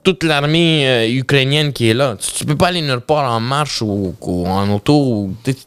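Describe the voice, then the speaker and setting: In a podcast studio lined with bookshelves, a thirty-something hockey pro with a Quebec French accent shares his story through a boom-arm mic. His smooth, mid-range voice keeps a moderate pace, lively yet full of restarts and mixed-in English words, with no room sound in this casual interview.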